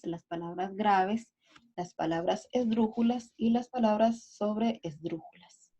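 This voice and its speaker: Mellow-voiced teacher reviewing a lesson. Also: female voice, mid-range voice. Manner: explains step by step, often asks "¿verdad?" and "¿sí?". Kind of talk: recorded class review lesson. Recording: dull lo-fi recording.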